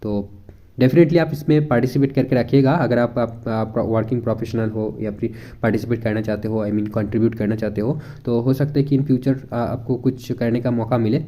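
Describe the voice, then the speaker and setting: A young man from India talks viewers through a website in an easygoing, conversational way. His voice is very dark and mellow. He thinks aloud as he goes, mixing Hindi and English and pausing on fillers. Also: mid-range voice, fairly even intonation. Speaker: education YouTuber. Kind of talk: casual screen walkthrough.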